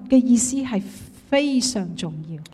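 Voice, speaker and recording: A woman's voice: a little high, expressive, measured pace, warm tone, slightly rough. A woman with a Cantonese accent, interpreting a sermon and reading scripture aloud. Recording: echoey hall with long reverb.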